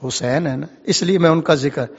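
A man's voice: on the high side, breathy edge. A man preaching in a mosque, fervent, moving between chanted verse and speech and urging the listeners to call back. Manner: fervent, urges the audience to call out responses. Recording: dull, reverberant hall recording.

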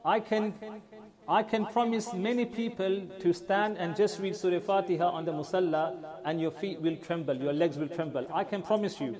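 In a large mosque hall with the congregation audible behind him, an imam whose voice sits high leads prayers at a moderate pace. He addresses the congregation earnestly, repeating phrases for emphasis, and Urdu is not his first language.

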